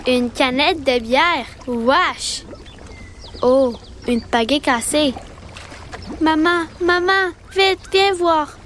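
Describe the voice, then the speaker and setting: A performer playing an excited small child exploring by the water in a radio ad. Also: high voice, extremely slow, a little hiss or hum, exaggerated voice. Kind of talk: acted radio public service ad.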